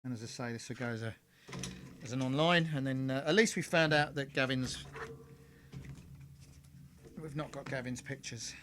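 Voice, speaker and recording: A man's voice: medium pitch, normal speed, pauses often, noisy background. A man hosting a live-streamed model railway crafting demonstration, talking in a rambling, chatty way full of fillers and self-corrections. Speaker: model railway hobbyist host.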